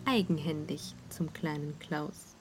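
Brief: calm female storyteller, somewhat low voice, measured fairy-tale narration. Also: a little hiss or hum.

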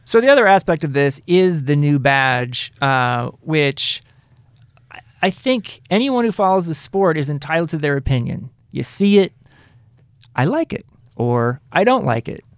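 A man hosting a casual soccer talk show, animated and emphatic, often stopping and restarting his sentences. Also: a little high, unhurried, clean tone, dry recording, clean studio sound. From Kansas City area, United States. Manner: animated, emphatic, self-interrupting. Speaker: podcast host.

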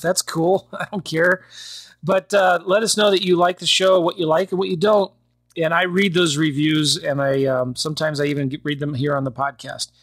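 A man's voice: fairly high pitch, fairly even intonation, moderate pace, a bit bright, slightly rough, dry recording, clean studio sound. A man hosting a podcast, chatty and upbeat, often laughing as he talks. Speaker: podcast host. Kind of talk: casual podcast interview.

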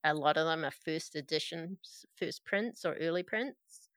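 A woman's voice: low-pitched, a little slow, fairly bright tone, no room sound, clean studio sound. A woman game master narrating a tabletop game with casual banter and a wry, sarcastic manner.

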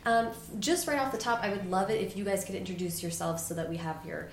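A woman's voice: medium pitch, expressive, fast talker, reverberant, a little hiss or hum. A woman hosting a podcast, asking questions in an upbeat, enthusiastic way. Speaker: podcast host. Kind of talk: casual interview.

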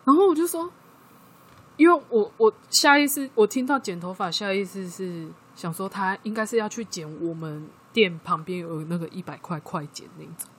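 A woman with a Taiwanese Mandarin accent, co-hosting a casual chat podcast and telling a work story in a lively way. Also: medium pitch, normal speed, a little hiss or hum. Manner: lively storytelling, acting out quoted dialogue. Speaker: podcast co-host.

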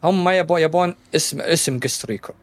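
A man's voice: a little high, fast talker, no echo. A man co-hosting a casual gaming chat, blunt and opinionated. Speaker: gaming podcast co-host.

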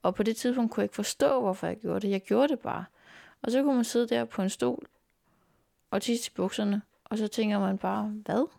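Interviewee: young adult woman, very gravelly voice, dry close recording, earnest and hesitant. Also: medium pitch, darkish tone, no room sound. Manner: earnest, halting retelling. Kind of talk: personal life story interview. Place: indoors at grandparents' home.

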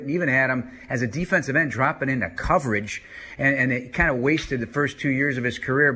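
Bright-voiced sports radio host. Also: male voice, medium pitch. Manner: chatty, wry, reads sponsor copy. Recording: broadcast from a remote trip.

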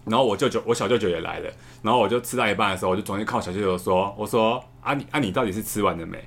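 A man, telling a story in a casual podcast chat, fast, repeating words and laughing often. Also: fairly low pitch, gravelly, fairly bright tone. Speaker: podcast co-host.

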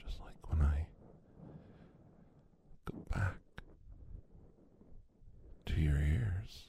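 A man whispering softly and soothingly very close to the mic in an ASMR massage roleplay. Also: extremely low pitch, vocal fry, background noise. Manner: soft whispering, slow and soothing. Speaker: ASMR performer.

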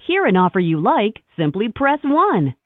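A woman's voice comes through as a recorded phone message, reading a scripted sales pitch and menu prompts with a bouncy, swooping lilt. The sound is squeezed and tinny like a phone line and bone dry, with no room around it. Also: big pitch swings, normal speed, no room sound. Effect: recorded phone message played over a phone line. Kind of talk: scripted promotional phone read.

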